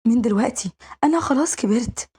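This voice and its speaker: A woman's voice: a little high, expressive, fast, mellow, husky, voice pushed up. A woman doing a sweet, pleading young Egyptian girl. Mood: defiant. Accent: Egyptian Arabic. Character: clingy young woman orphan raised by the boss.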